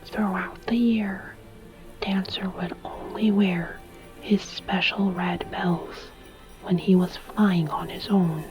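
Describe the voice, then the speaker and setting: A woman telling a scripted story as gentle, deliberate whispered ASMR narration. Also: medium pitch, steady tone, over music, rough recording.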